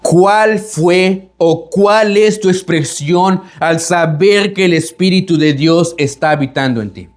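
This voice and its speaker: A man's voice: high-pitched, takes it slowly, few pauses. A man preaching a sermon in an emphatic way, putting rhetorical questions to his listeners and repeating words for emphasis.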